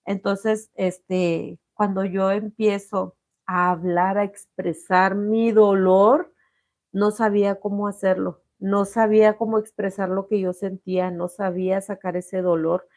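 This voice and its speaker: A woman's voice: medium pitch, little pitch movement, unhurried, darkish tone. A middle-aged Mexican woman giving a heartfelt personal testimony, calling her listeners "corazón". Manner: emotional, addresses viewers as corazón. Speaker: host sharing testimony.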